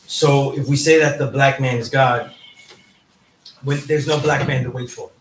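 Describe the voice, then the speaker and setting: A man teaching a class gives an informal, emphatic lecture, frequently asking "right?" to check in. He speaks at a medium pitch and moderate pace with fairly even intonation. Recorded indoors in an echoey classroom, the distant mic picks up background noise.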